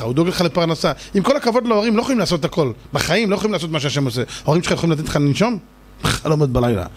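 A man, a rabbi, giving an animated sermon that swings between loud outbursts and low, slow stretches. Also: slightly rough.

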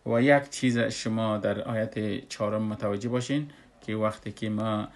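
Man, somewhat low voice, recitation teacher, patient step-by-step lesson, frequent drawn-out pauses. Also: steady tone. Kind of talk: step-by-step tajweed lesson explanation.

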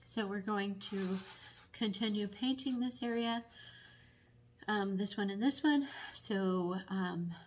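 A woman teaching barn quilt painting at a table in a casual, unhurried tutorial full of ums. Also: mid-range voice. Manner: unhurried, many ums, explanatory. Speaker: painting instructor and paint retailer.

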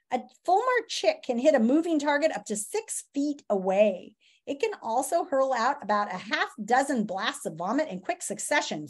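A woman with a high voice performs a children's nonfiction book from a small room at home. She reads it with teacherly drama and expression, tossing in asides and questions for the audience.

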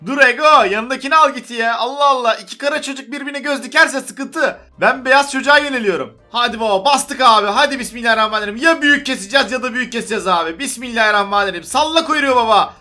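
A man commentating his own gameplay, excitable and teasing, chattering at the other players as he goes. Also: very high voice, quick pace, few pauses, soft background music. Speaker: gaming YouTuber.

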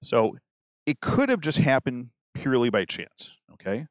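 A man teaching a math lesson in a loose, chatty way, pausing to restart his sentences and asking his students "okay?" as he goes. His voice sits at an ordinary middle pitch. The sound is close and dry, with no room around it. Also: big pitch swings, no echo. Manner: conversational, restarts mid-sentence, checks in with "okay?".

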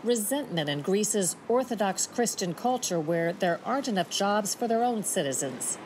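A woman reporter narrating a news report in a measured, matter-of-fact way. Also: mid-range voice, lively intonation, darkish tone, a little hiss or hum.

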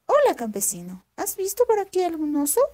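A woman voicing a sly, scheming female fox in a children's storybook reading, speaking high and wheedling. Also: wildly swooping pitch, a little fast, mellow, full character voice. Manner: high, sing-song, wheedling.

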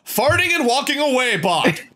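A man putting on a robot voice, announcing himself to humans in a slow, stiff, mechanical way over a video call. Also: very high voice, very animated, bright, forceful tone, heavily acted. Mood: deadpan.

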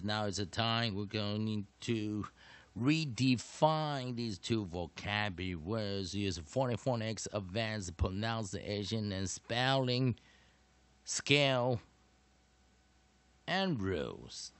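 A man teaching a vocabulary and pronunciation lesson, explaining slowly and deliberately. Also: fairly low pitch, animated, no echo.

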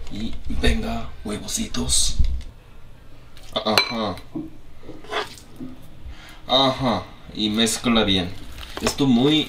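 A young Korean-speaking man vlogs from a small apartment room, cooking and chatting in simple learner's Spanish while a lingering cough interrupts him. His voice is medium-pitched, and the recording sounds roomy with a noisy background.

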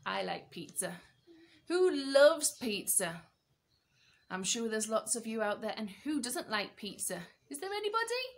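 A woman teacher reads a picture book aloud to small children, expressive and pausing to ask them questions. Her voice is high and swoops up and down a great deal. She takes the story at an unhurried pace.

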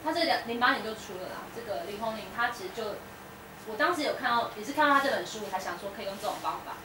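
Fast-talking woman in an echoey room. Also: on the high side, lively intonation. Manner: chatty, many fillers and restarts, laughs often. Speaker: guest speaker at a bookstore talk. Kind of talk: casual public talk with audience. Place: indoor bookstore event space. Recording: roomy echo, distant mic, noisy room.

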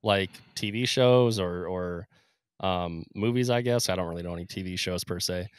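Man, casual podcast co-host, low voice, dry close sound, rambling with fillers. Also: moderate pace, smooth, no echo. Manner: laughs often, rambling with fillers. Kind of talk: casual chat.

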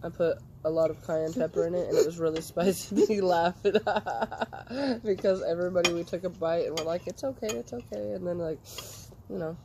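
Lower-voiced chatty woman outdoors. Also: moderate pace, noisy background. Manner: chatty, laughs often. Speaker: home cook guest. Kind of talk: casual chat.

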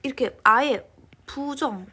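A young woman teaching English grammar in a casual online lecture, chatting informally and reading example sentences slowly, now and then dropping to a near-whisper. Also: high voice, pushed and bright, breathy edge.

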